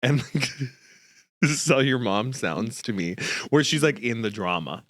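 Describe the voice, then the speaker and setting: A man's voice: mid-range voice, lively intonation, a little slow, fairly bright tone, no room sound, studio quality. A man hosting a podcast in casual chat, telling stories and acting out quotes. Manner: chatty storyteller, acts out quotes. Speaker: podcast host. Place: studio. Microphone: studio mic.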